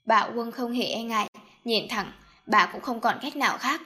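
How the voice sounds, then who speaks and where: A woman's voice: on the high side, moderate pace, bright, forceful tone. Woman narrating an audiobook. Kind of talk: scripted narration.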